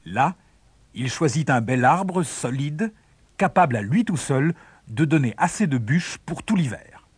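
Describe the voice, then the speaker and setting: A man with a husky voice narrating a fairy tale expressively. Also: fairly high pitch, lively intonation, measured pace, no room sound. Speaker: storyteller.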